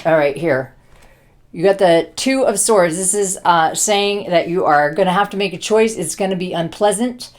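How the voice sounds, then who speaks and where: A woman's voice: fairly low pitch, normal speed. A woman giving a casual tarot reading, blunt and joking, swearing freely. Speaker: tarot reader.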